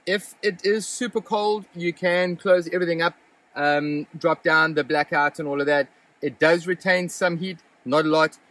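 A chatty Southern African vlogger reviews his rooftop tent, first from inside it and then outdoors beside a vehicle in the bush, filming on a handheld phone at arm's length. His voice is a little high, steady and fairly bright at a moderate pace with no echo, and he rambles with many ums and restarts.

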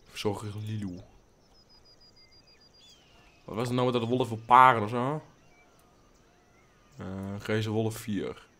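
A young man hosting a casual let's play, rambling and blunt, swearing freely, mixing in English phrases and breaking into sudden excited outbursts. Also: on the low side. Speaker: gaming channel host.

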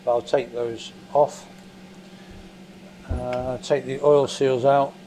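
English bloke talking through an engine strip-down in his basement, plain and steady, fan humming faintly behind. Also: medium pitch, slow. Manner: plain, methodical, thinking aloud with fillers. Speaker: motorcycle mechanic presenter. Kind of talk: hands-on workshop demonstration. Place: basement workshop. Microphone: camera mic above the bench, hands only in frame. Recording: faint extractor fan hum. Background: extractor fan noise.

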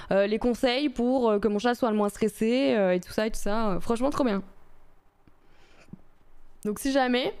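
A woman chats casually on a live stream, rambling and full of fillers as she talks to viewers. Her voice sits a little high and comes through smooth and clear. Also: a little mellow. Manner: chatty, rambling with many fillers, greets chat viewers.

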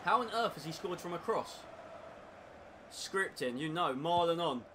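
A man's voice: a little high, slight background noise. A young man streaming a football game, reacting to play and chatting to his viewers, easily frustrated. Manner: excitable, talks to chat, quick to frustration. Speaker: gaming streamer. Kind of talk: live gameplay commentary.

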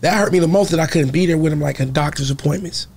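A young man from Kansas talking candidly as a guest in a podcast studio, with halting restarts. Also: fairly high pitch, vocal fry, darkish tone, slightly rough. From Kansas, USA. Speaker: guest artist. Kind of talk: casual interview talk. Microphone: studio mic on boom arm.

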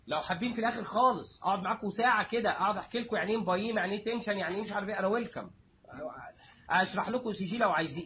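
An Egyptian surgery lecturer with an Egyptian Arabic accent gives a lively classroom lecture, speaking fast in a high, fairly bright voice. He's jokey, acts out little scenes, and addresses students directly. The sound is lo-fi with slight background noise.

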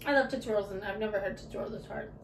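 A woman's voice: medium pitch, racing, slight background noise. A chatty, giggly woman hosting a casual snack unboxing and taste test. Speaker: vlog host. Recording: echoey room, mic far off.

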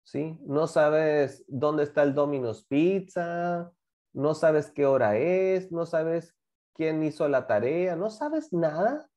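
A man's voice: fairly high pitch, expressive, slow pace, warm tone. A man teaching a class, patiently explaining grammar and repeating examples while asking students to join in. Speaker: English teacher.

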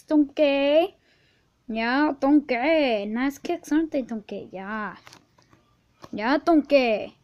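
A woman's voice: high voice, highs cut off. A woman playing a jumpy, childlike male ogre in a homemade role-play vlog, calling everyone donkey. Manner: playful, calls everyone donkey. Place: outdoors at night, then indoors at home. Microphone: handheld video camera.

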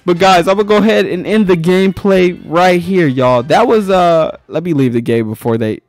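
A young man casually commenting on his own gameplay as a channel host, excitable and slangy, laughing often. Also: sits high, moderate pace, no echo.

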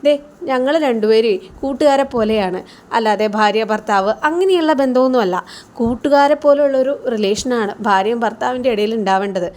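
A woman voicing a young married man calmly explaining himself to his mother. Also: on the high side, brisk, close to an everyday voice. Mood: reasoning.

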